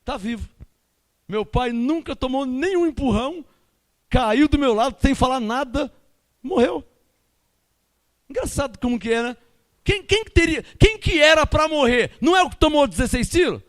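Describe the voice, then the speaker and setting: In a very high voice, a pastor with a Brazilian Portuguese accent preaches at a moderate pace, leaving long pauses. He is emphatic and animated, moving between loud outbursts and quiet asides.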